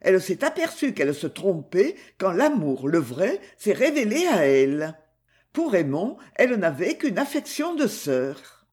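A reader voicing an anxious, prim older society mother in an audiobook, in a high and fluttery tone. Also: big pitch swings, unhurried, darkish tone. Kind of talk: audiobook character reading.

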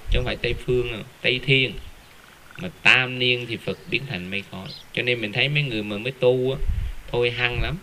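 A man giving a casual Buddhist Dharma talk, animated and full of rhetorical questions. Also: medium pitch, a little hiss or hum. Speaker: Buddhist lay Dharma speaker.

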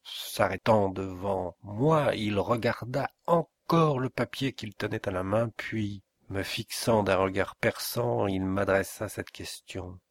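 Low-voiced man reading an audiobook. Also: no room sound. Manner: measured, literary reading. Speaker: audiobook reader. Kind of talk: scripted narration of a classic novel.

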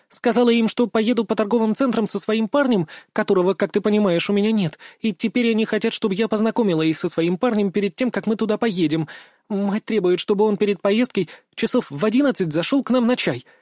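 A man's voice: high voice, fast, a little mellow, dry recording, studio quality, pitched above the performer's own voice, lightly acted. A man voicing a cheerful, pushy young woman who chatters and wheedles in an audiobook. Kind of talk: audiobook narration.

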